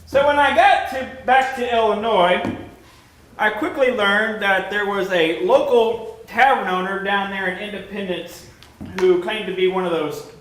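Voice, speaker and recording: A stage actor playing a self-righteous, pompous 1840s slaveholder who lectures the audience in a live play. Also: male voice, high-pitched, measured pace, fairly bright tone. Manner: pompous, indignant, addresses the audience. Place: theatre stage. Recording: echoey stage recorded from far off.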